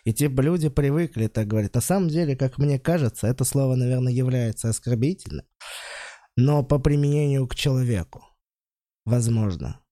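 A man chatting casually as an interview guest, with a speech impediment that softens his R sounds toward a W, explaining things in informal, slangy language. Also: medium pitch, brisk, no room sound, studio quality. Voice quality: speech impediment with non-standard R, like a w. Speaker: guest, stand-up comedian.

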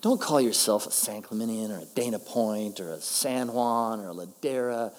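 A male pastor preaching a conversational, emphatic sermon, slowing down to stress key phrases. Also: lowish voice. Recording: long reverb of a large hall.

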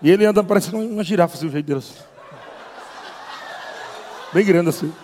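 A man telling a lively testimony as a preacher, acting out voices and laughing often. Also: sits high, fast. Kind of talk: testimony sermon storytelling. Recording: long hall reverb.

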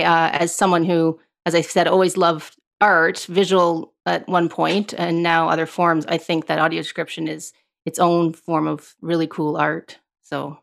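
A woman interviews a guest as a podcast co-host. Her voice is fairly low with a gravelly fry, and she circles around her questions in a conversational way. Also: fairly bright tone.

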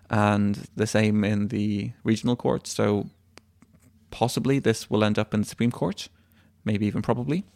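A man answers questions as an activist guest in an interview. His voice is lowish with a lot of vocal fry, and he explains things in a measured, hesitant way. The recording is dry. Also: a little mellow, no echo.

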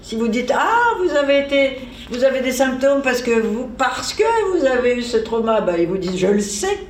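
Her voice is on the high side and expressive, moving at a moderate pace as she gives a conversational, digressive seminar talk, seemingly thinking out loud. The recording, from an echoey seminar room with a distant mic, carries a little hiss or hum.

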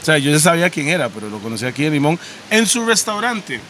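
A man's voice: a little high, sing-song, fast talker, bright, forceful tone, slight background noise. A man hosting a podcast, chatting in a joking, playful way. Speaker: podcast host. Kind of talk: casual chat.

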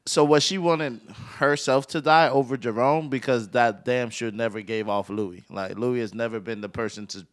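A man's voice: mid-range voice, fairly even intonation, moderate pace, few pauses. A man co-hosting a podcast, talking in slangy, emphatic casual chat and often talking over the others. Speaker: podcast co-host.

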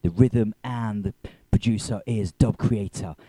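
A man hosts a radio show in a presenter's style. His voice sits fairly low and is very dark and soft-edged. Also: measured pace, no echo. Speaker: radio host.

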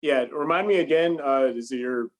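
Man, mid-pitched voice, interviewer, casual, halting questions, fillers and restarts.

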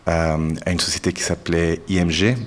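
A man, answering interview questions in a thoughtful way with many pauses and restarts. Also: low-pitched, little pitch movement. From Switzerland. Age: 40s. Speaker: entrepreneur guest.

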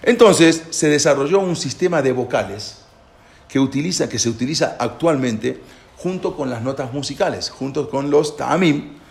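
A man's voice: medium pitch, expressive, moderate pace, creaky. A man giving an informal lecture, explaining with questions to his listeners and often repeating and restarting phrases. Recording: echoey room with faint background noise.

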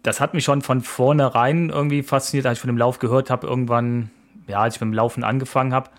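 A man in his forties talks through plans on a podcast in a loose, easygoing way. He rambles a little and hesitates often. His voice sits at an ordinary middle pitch. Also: level tone, fast talker. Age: 40s. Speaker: podcast co-host. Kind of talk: casual chat.

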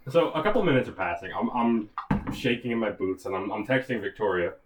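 A young man co-hosting a podcast, telling a story in a casual way, animated and often laughing as he talks. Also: fairly low pitch, brisk, recorded from a distance, background noise. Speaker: podcast co-host.

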